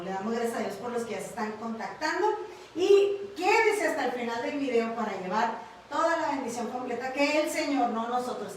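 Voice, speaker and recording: A woman's voice: fairly high pitch, slight background noise. A woman with a Mexican accent teaching a livestreamed Bible class, often adding tag questions and fillers. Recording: very echoey room, mic far off.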